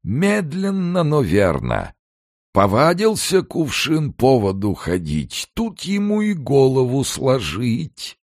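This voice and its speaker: Guy doing a shrill preachy prig, high and squawky, gravelly underneath, dry. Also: wildly swooping pitch, takes it slowly, darkish tone, no echo, exaggerated voice. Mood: gloating. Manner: unctuous, then shrieking. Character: pompous sanctimonious middle-aged man, shrill when scared.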